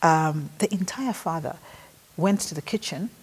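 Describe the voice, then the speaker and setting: A middle-aged woman with a Zambian accent speaks in a low, slightly breathy voice with lively intonation and an unhurried pace. As an interviewee paying tribute, she recalls a trip in a casual, chatty storytelling way, acting out what people said.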